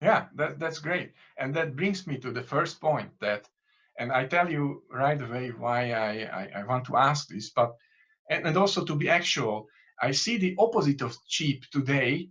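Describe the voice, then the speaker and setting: Guy hosting an interview, husky voice, lots of restarts, muffled sound. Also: mid-range voice, animated, moderate pace, a bit bright. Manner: hesitant, many restarts, laughs between points. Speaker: interview host. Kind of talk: interviewing a guest.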